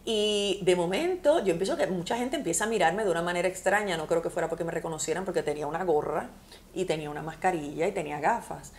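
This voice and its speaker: A woman's voice: on the low side, quick pace, a little mellow. A woman author with a Puerto Rican accent, telling heartfelt personal stories in a conversational interview. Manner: vivid, heartfelt personal storytelling.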